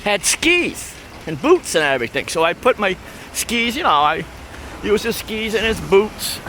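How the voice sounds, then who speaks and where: Brief: a bright, high-pitched guy vlogging on his phone outdoors, with faint traffic behind him. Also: sing-song, a little slow. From Massachusetts. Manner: rambling, repetitive, affectionate storytelling. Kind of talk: rambling personal vlog. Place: outdoors on a city street.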